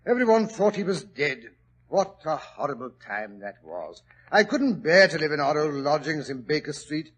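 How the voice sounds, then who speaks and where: A man playing Doctor Watson, a genial British gentleman telling a detective story on a 1940s radio drama. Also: a little high, sing-song, normal speed, husky, exaggerated voice. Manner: chatty, chuckling, mildly pompous British gentleman. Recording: old radio broadcast recording.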